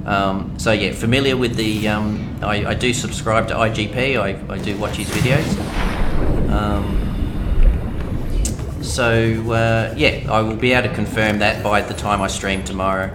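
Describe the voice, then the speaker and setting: A man with an Australian accent gives casual let's-play commentary as a game streamer, chatty and rambling with many fillers. His voice is on the low side, steady, and unhurried, and the home stream audio is noisy.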